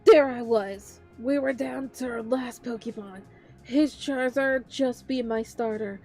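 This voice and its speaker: A young woman streaming as a VTuber, rambling playfully and chasing excited little tangents in casual chat. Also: fairly high pitch, measured pace, soft background music.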